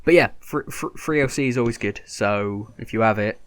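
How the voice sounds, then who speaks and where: A man's voice: mid-range voice, moderate pace, a little hiss or hum. A man hosting a casual gaming podcast, running through news in a rambling, self-correcting, upbeat way. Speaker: podcast host.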